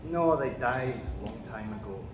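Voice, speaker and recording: A man's voice: medium pitch, animated, moderate pace, lightly acted. A man playing a battle-hardened medieval warrior king in improvised role-play, speaking tersely and matter-of-factly. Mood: proud, matter-of-fact. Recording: echoey room with clear background noise.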